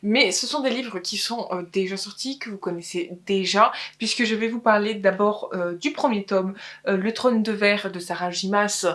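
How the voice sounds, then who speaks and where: A woman chats about collector editions in a loose, rambling way. She keeps correcting herself and filling pauses. Her voice sits at a middle pitch for a woman. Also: a bit bright. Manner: rambling, many fillers and self-corrections. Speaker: book channel co-host. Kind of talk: casual book presentation.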